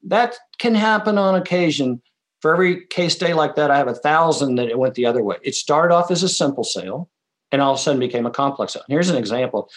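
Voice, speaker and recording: A man's voice: fairly high pitch, fast. A man, an author appearing as a guest, teaching business ideas in a conversational way and telling stories with quoted back-and-forth. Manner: emphatic, tells stories with quoted dialogue.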